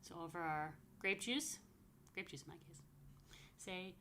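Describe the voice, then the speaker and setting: In an apartment, a woman rabbi with a fairly low, pushed, bright voice speaks a little slowly as she leads story time for young children. She keeps things simple and repetitive, tossing in chatty, playful comments. It's a casual religious talk pitched at kids, complete with blessings.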